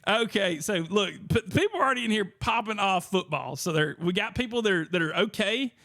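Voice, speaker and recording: A man's voice: high voice, a little fast, vocal fry. A man hosting a podcast livestream, talking energetically and reading out chat messages. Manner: energetic, reads chat aloud. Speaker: podcast host.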